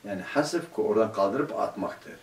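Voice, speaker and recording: A male teacher giving a grammar lesson to a class, putting questions to the students and answering them himself, and reading quoted classical phrases slowly. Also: lowish voice. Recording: roomy, distant room mic.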